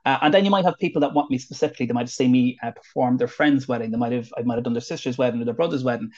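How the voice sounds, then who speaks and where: An Irish man talks quickly and chattily, full of little fillers and restarts. The sound is dull and lo-fi, and his pitch sits in an ordinary middle range. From northwest of Ireland. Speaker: wedding celebrant. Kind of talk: casual interview chat. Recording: dull lo-fi audio.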